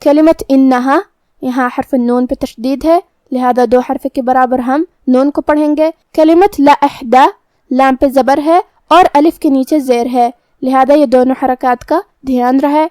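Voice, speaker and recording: Woman, recitation teacher, high-pitched, step-by-step explanations, dry close sound. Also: steady tone, darkish tone, smooth, dry recording. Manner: explains letter rules step by step, recites verses very slowly. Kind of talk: tajweed lesson with slow recitation.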